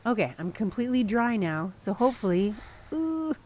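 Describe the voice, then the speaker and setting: A woman's voice: medium pitch, very animated, normal speed, a little mellow, a little hiss or hum. A woman streamer casually chatting through a game, laughing and thinking aloud to her viewers. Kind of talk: casual gameplay commentary to chat.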